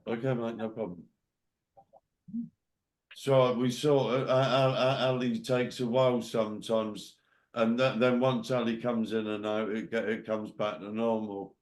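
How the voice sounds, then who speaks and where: British man host, chatty and informal, prone to halting restarts. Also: medium pitch, level tone. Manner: friendly, informal, hesitant restarts. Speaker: group call host. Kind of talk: casual group call chat.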